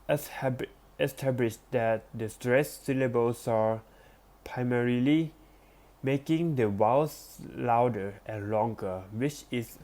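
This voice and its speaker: A man presents a lesson by reading an academic text aloud. He speaks at a very slow, unhurried pace, taking his time over each phrase, and now and then backs up to restart a word. His voice sits at an ordinary middle pitch. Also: a little mellow. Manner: careful, deliberate reading with small restarts.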